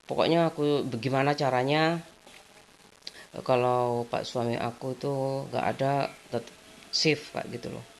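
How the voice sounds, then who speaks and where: A woman's voice: very deep voice, fairly even intonation, a little slow, long pauses, a little hiss or hum. A woman, chatting casually in a rambling way to her vlog audience and leaning on the same fillers over and over. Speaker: vlogger. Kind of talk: casual chat.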